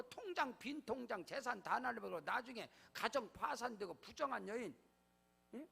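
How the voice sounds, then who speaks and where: A middle-aged male pastor preaching a sermon in a church, with emphatic swings between low asides and loud proclamations. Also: gravelly, slightly rough. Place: church sanctuary.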